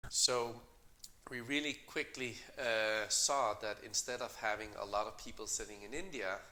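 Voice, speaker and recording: A middle-aged man, a company co-founder, answering interview questions in a measured way with many fillers and restarts. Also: on the low side, bright, forceful tone. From Denmark.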